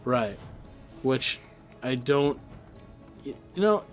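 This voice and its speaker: A man's voice: medium pitch, lively intonation, slow, faint music behind. A man casually chatting while playing a video game, reading on-screen text aloud under his breath. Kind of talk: casual gameplay chat.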